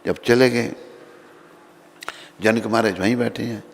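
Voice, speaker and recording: Male swami, animated devotional storyteller, gravelly, long hall reverb. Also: medium pitch, a little slow. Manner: animated, acts out characters' voices. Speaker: swami preacher. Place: temple hall.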